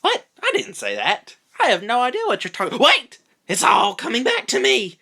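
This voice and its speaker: A man's voice: extremely high pitch, wildly swooping pitch, moderate pace, vocal fry, sharp tone, husky, voice pushed up, heavily acted. A man voicing a wisecracking talking banana who makes sarcastic jokes. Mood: snarky. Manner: sarcastic, fourth-wall jokes. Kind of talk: fan cartoon parody voice acting.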